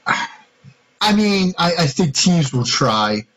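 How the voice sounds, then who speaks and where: A man's voice: fairly high pitch, sing-song, takes it slowly, fairly bright tone, rough recording. A man co-hosting a sports podcast, talking through defensive schemes step by step in a casual, analytical way. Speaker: podcast co-host, football analyst.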